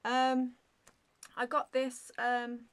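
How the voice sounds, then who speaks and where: A woman's voice: on the high side, monotone, extremely slow. A woman in her thirties chatting casually to the camera in a Q&A vlog, answering viewer questions in a rambling way, full of ums and likes. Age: 30s. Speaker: beauty vlogger.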